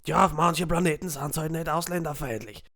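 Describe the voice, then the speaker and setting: A man's voice: fairly high pitch, a little fast, fairly bright tone. Nappa, a man doing a whiny, dim alien brute. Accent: Austrian. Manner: whiny, nagging, crude. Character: big, dim-witted alien brute, childish. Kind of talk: parody fan dub.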